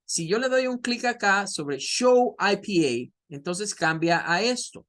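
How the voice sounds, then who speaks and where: A man teaching an introductory English class, who explains patiently and models sounds slowly. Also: high-pitched, expressive, fairly bright tone. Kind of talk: online class lecture.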